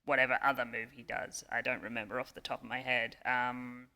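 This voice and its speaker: A man's voice: medium pitch, level tone, a little fast, sharp tone. A man co-hosting a podcast, chatting eagerly and stumbling over the starts of words. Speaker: podcast co-host. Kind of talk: casual chat about wrestling.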